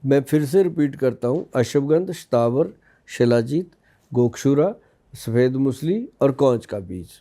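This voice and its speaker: A man's voice: mid-range voice, lively intonation, a little slow, mellow. A man from India in his fifties, an Ayurvedic expert on a podcast, explaining in a folksy way with personal anecdotes. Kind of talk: casual podcast interview.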